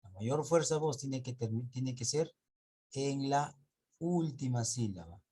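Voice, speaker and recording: Husky-voiced male teacher quizzing his class. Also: medium pitch, lively intonation, unhurried, mellow. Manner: explains step by step and quizzes students. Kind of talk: classroom grammar lesson.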